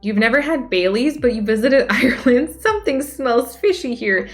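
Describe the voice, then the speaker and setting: Reacting aloud to chat, this young woman from Denmark casually reads and answers viewer messages on her stream. She speaks at a normal speed in a voice on the high side with lively intonation, while faint music plays behind her.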